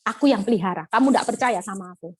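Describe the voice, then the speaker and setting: A woman's voice: medium pitch, fast talker, breathy edge. A woman preacher, giving a dramatic testimony sermon and acting out prayers. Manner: dramatic, acts out prayers and God's replies, ends phrases with "Saudara". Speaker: woman preacher at a ladies' fellowship.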